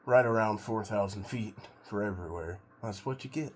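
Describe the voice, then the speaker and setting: A middle-aged American man from Oregon rambling casually to a vlog in a laid-back, halting, musing way. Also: on the low side. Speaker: vlogger doing a cold plunge challenge. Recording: clear background noise of water.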